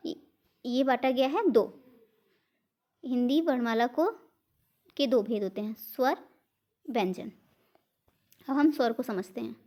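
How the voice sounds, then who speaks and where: A woman's voice: fairly high pitch, measured pace, pauses often, dark tone. A woman with an Indian accent teaching an exam-prep grammar lesson. She explains step by step, asks questions and answers them herself, and mixes English words into her teaching.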